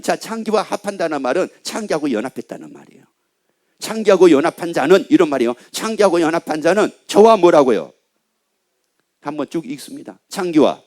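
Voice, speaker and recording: A man, a pastor, preaching a sermon in a church, animated and acting out the voices of the people in his stories. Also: a little high. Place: church sanctuary.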